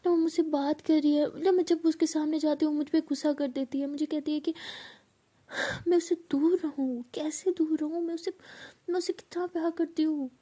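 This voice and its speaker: A woman voicing a lovesick young college woman who pleads through tears, halting and repeating words. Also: high-pitched, fairly even intonation, mellow, close to an everyday voice. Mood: distressed, crying.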